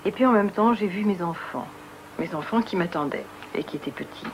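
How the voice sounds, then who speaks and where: A woman giving a personal testimony, halting and searching for words, often repeating herself. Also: fairly low pitch, animated, background noise. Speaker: near-death experience witness.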